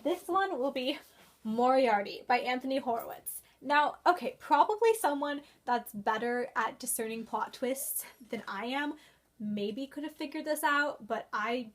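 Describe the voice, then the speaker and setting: A young woman chatting about her favorite books in a casual vlog, gushing and excitable, quick to exclaim. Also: sits high. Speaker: book vlogger. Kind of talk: casual book review vlog.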